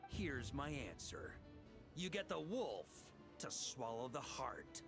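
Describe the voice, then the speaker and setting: A man's voice: mid-range voice, slow pace, music in the background. An actor playing a brave, earnest male knight in a video game, speaking with confident conviction. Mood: resolute. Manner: confident, expressive, rising to loud calls.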